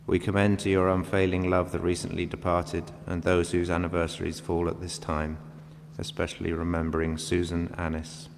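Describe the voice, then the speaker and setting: A man reading prayers of intercession in a solemn, measured liturgical style inside a reverberant church. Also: sits low, completely flat delivery, vocal fry. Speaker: reader of intercessions. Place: large reverberant church, indoors. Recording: long church reverb, background hum.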